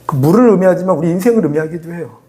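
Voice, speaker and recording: A male pastor preaching a sermon in a high, light voice. He talks to the congregation in a chatty way, tossing out rhetorical questions and acting out people's prayers. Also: lively intonation, racing, warm tone.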